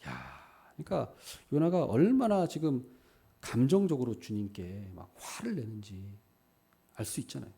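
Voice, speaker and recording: A man pastor preaching a sermon, animated, acting out quoted dialogue and asking the listeners rhetorical questions. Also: mid-range voice, normal speed, gravelly, breathy edge.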